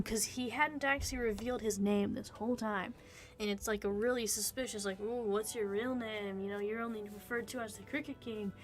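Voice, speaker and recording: A woman casually improvising a story in a rambling, giggly, playfully mock-earnest way. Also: fairly high pitch. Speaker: narrator pitching a made-up movie plot.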